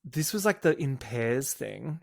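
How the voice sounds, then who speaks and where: A man co-hosts a casual podcast, recapping a reality show in a camp, gossipy way. His voice has a gravelly fry, and he sits at a middle pitch. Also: big pitch swings, measured pace. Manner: camp, gossipy, quotes people in put-on voices. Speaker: podcast co-host.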